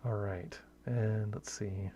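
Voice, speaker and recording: Casting: unhurried male game master with a lowish voice, halting narration. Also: steady tone, mellow, a little hiss or hum. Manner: hesitant, restarts phrases, counts dice aloud.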